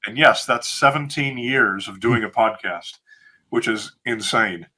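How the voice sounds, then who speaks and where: A man's voice: medium pitch, unhurried, sharp tone. A man who podcasts, answering interview questions in a casual, explanatory way.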